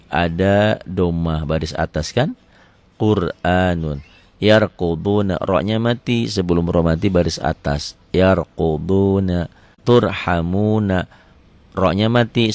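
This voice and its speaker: Guy teaching a lesson, lowish voice, slow drawn-out examples, asks and answers himself. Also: no room sound. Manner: patient, repeats rules and drawn-out example words. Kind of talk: recorded lesson on Quran recitation rules.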